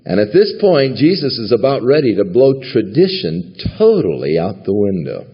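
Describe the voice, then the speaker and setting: Very animated and husky, this pastor's medium-pitched voice moves at a moderate pace. He preaches a sermon in a church sanctuary, teaching the Bible conversationally with the odd chuckle. The sound is lo-fi with long hall reverb.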